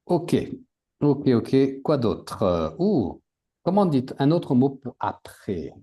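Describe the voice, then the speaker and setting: Slow, lively-pitched male teacher. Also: lo-fi sound. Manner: patient, repeats words, adds English glosses. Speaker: French teacher. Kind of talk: interactive language class.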